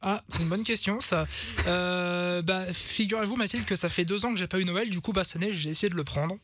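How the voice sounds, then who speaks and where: A man from a radio station's on-air team, chatting casually in the studio and telling a story with animated emphasis. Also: high-pitched, fairly quick, a little hiss or hum. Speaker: radio traffic presenter.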